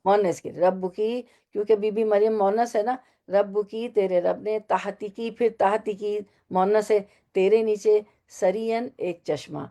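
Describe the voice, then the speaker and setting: A woman's voice: mid-range voice, fairly even intonation, mellow. Urdu-speaking woman teaching a Quran lesson. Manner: explains Arabic words slowly, asks listeners questions.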